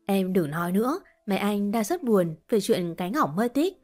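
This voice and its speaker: A woman's voice: mid-range voice, big pitch swings, normal speed, darkish tone, soft background music. A woman voicing a weary, worn-down young husband.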